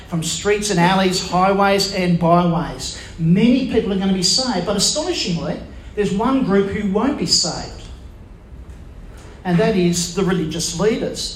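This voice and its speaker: A man preaching a sermon who puts questions to the congregation and lets pauses land for emphasis. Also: high voice, slight background noise. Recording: echoey room with faint ambience.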